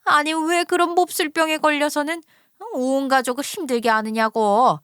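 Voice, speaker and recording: A woman voicing a spiteful older mother-in-law who scolds in a shrill, contemptuous way. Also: steady tone, normal speed, a bit bright, no echo, clean studio sound. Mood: scolding. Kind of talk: storytelling radio narration.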